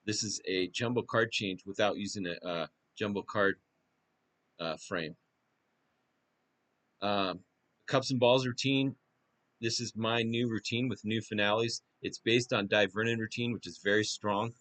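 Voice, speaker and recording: A man presenting his own course as an instructor, informally running through a long list in a halting, repetitive way. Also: lowish voice, steady tone, fairly bright tone. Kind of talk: informal product pitch, reading through a list.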